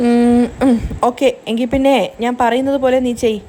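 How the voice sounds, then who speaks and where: A scheming young woman who gives orders in a sharp, commanding way, as a woman narrator reads her, her voice fairly high, with faint background hiss under the story recap. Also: level tone, normal speed, natural voice. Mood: bossy.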